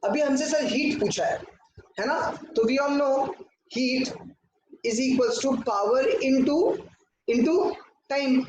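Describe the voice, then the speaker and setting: A man's voice: very high voice, very slow. A man teaching a class, working through sums on a board and putting questions to the students that he then answers himself. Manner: talks at a board, asks and answers his own questions, mixes in English. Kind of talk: classroom lecture. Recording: echoey room with clear noise.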